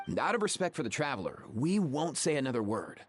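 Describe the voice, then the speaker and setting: A man's voice: medium pitch, big pitch swings, fast talker, slight background noise, natural voice. An actor voicing a polite, earnest male bystander in a video game.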